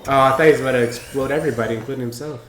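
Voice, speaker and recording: A man's voice: medium pitch, fairly even intonation, rapid-fire, noisy background. A man giving casual, slangy running commentary as the host of a reaction video. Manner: informal, slangy exclamations. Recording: roomy echo, show music behind. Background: music from the show being watched.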